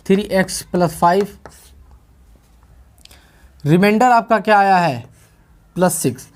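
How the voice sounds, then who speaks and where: A high-pitched math tutor with a Hindi-speaking North Indian accent delivers a math lecture, repeatedly asking and answering his own questions and checking in with the class.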